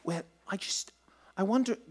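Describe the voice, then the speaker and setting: A woman's voice: medium pitch, normal speed, a little mellow, slightly rough, natural voice. A woman voicing an insecure male imaginary friend, mopey and self-pitying, in a live comedy radio play.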